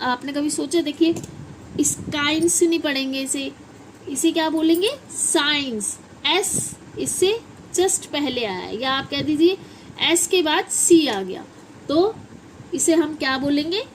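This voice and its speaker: A woman's voice: high voice, a little hiss or hum, poor audio. A woman with a Hindi accent teaching English pronunciation in a classroom style, often asking questions and answering them herself.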